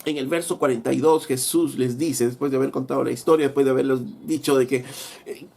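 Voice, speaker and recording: A man's voice: medium pitch, steady tone, quick pace, vocal fry, darkish tone. A man preaching a sermon, telling a story with rhetorical questions and acting out biblical dialogue. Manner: acts out biblical dialogue in quoted voices.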